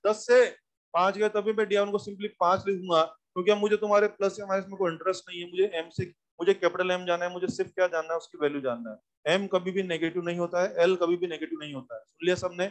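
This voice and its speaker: A man teaching physics in a lively classroom lecture, coaxing students with repeated questions and reminders. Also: sits high.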